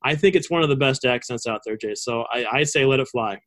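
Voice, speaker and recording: A man hosting a conversational business interview show, speaking in a halting, rambling way. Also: medium pitch, a bit bright. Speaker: show host.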